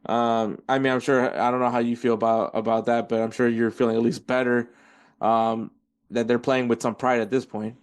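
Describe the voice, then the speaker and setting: A man's voice: medium pitch, level tone, moderate pace, clean tone. A man hosting a casual football podcast, rambling and correcting himself as he reads through league standings. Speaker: podcast host.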